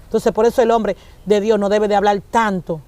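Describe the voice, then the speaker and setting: A woman's voice: mid-range voice, brisk, no room sound. A woman, preaching conversationally and acting out little dialogues as she talks. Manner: animated, acts out dialogues with shifting voices.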